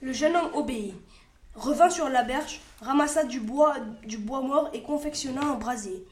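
A woman reads a storybook aloud carefully, sometimes restarting words. Her voice is high. The room gives a roomy echo. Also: moderate pace, a little mellow.

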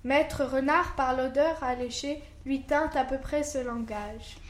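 Woman, slow fable recitation, high voice. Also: echoey room.

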